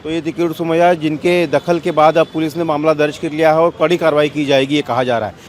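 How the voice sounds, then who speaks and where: Male field reporter, slightly high voice, probing questions, light city noise. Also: steady tone, quick pace. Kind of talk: news reporting and street interview. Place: outdoors on a city street.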